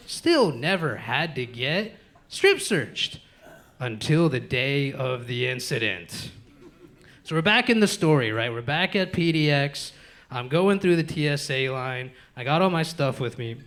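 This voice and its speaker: Lively high-voiced stand-up comic. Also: male voice, measured pace. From United States. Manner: profane, addresses the crowd as folks. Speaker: stand-up comedian. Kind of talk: live stand-up set. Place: comedy club stage.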